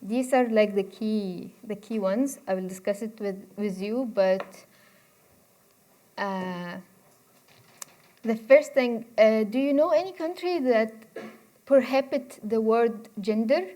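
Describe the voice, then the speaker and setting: A woman's voice: a little high, takes it slowly, dark tone. Woman giving a casual lecture. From Egypt. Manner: conversational and direct, invites questions. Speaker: guest speaker. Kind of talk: informal university lecture.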